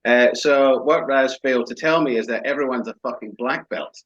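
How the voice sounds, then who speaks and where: On a dull lo-fi podcast mic, a male co-host tells a story in sweary, casual banter, acting out the quotes. His voice is medium in pitch and fairly bright, at a moderate pace.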